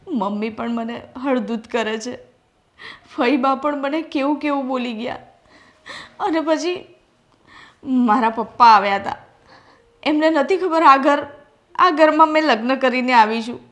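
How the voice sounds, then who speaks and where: Hurt young bride from a poor home, tearful, a bit high. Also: female voice, a bit bright. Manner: tearful, pleading, defensive. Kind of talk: family drama acting.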